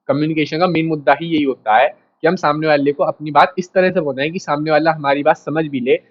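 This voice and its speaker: A man's voice: fairly high pitch, dull audio. A man teaching a class in a casual, direct way, repeating his points and talking straight to the students. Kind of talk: casual lecture.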